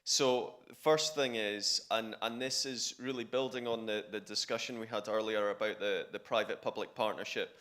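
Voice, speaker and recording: A man's voice: fairly low pitch, fairly even intonation, normal speed, few pauses, a bit bright. A man on a conference panel explaining a parking app, with restarts and fillers.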